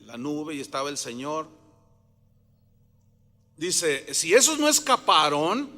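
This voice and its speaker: A man's voice: high voice, bright, forceful tone, big-room sound. A man preaching a sermon with emphasis, often putting questions to the congregation. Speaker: pastor.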